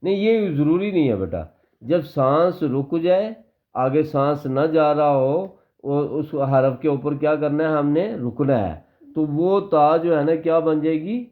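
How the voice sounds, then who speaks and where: Patient female recitation teacher, deep voice, heard over a tinny call line. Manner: patient, drills words, models slow recitation. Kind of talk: online tajweed lesson.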